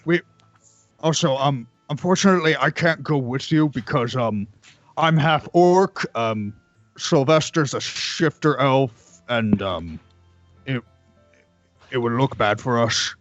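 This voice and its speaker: A man role-plays at a tabletop game in a slow, halting voice. He stammers as he goes. The sound is dull and close, with music underneath. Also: medium pitch. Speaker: player. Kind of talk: in-character tabletop role-play. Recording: muffled sound with music behind.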